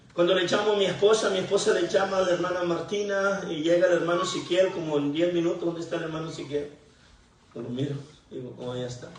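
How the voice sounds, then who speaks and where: A middle-aged man, preaching a halting, emotional testimony sermon from a church altar. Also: high-pitched. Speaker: pastor. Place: church sanctuary. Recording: very echoey church from far off.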